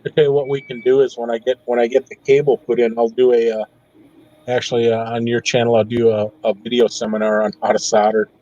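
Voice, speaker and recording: A man's voice: medium pitch, flat delivery, brisk, dark tone, lo-fi sound. A man who is a regular of the stream, chatting in an easygoing, folksy way over a call. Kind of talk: casual chat.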